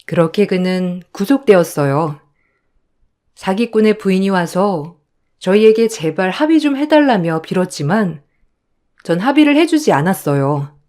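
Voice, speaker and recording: Brief: woman storyteller, mid pitch, even first-person narration with indignant tone. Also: moderate pace. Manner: steady, indignant retelling.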